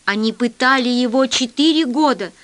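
A woman's voice: fairly high pitch, normal speed, fairly bright tone, natural voice. Woman reading a loyal male captain, urgent, pleading, storybook sci-fi.

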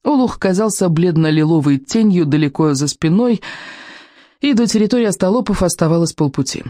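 An audiobook reader narrating a children's adventure book in a lively, expressive storytelling manner. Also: mid-range voice, brisk, dry recording, clean studio sound.

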